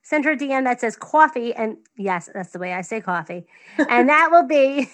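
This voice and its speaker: A woman with a New York accent hosts a casual podcast chat, gushing and laughing easily. Her voice sits a little high. She sounds like she's talking over a video call. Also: expressive, fairly quick. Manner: bubbly, effusive, laughs often. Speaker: podcast host.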